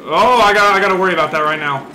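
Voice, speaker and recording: A man does let's play commentary, excitable and jumpy, swearing often as he plays. His voice sits a touch high for a man. The sound is roomy, with steady background noise underneath. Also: very fast. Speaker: gaming video host.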